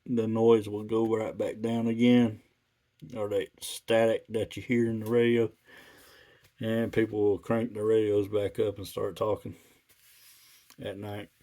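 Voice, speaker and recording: Low, flat-toned man rambling casually. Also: measured pace, pauses often. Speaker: radio hobbyist video maker.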